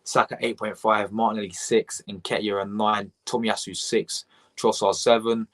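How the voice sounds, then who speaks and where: Young guy hosting a live reaction stream, low voice, rambly and hyped, chatting with viewers. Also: little pitch movement, normal speed, a bit bright. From England. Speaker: fan channel host.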